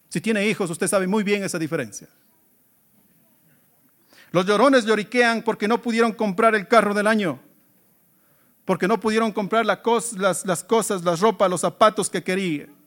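A man preaching a sermon as pastor, emphatic, asking rhetorical questions and swinging between loud exclamations and quiet asides. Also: high voice.

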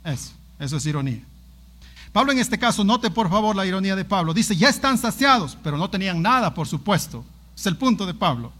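A man with a high, light voice preaching a sermon. He reads and explains a scripture passage in an emphatic, animated way, punctuating points with exclaimed asides. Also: fast.

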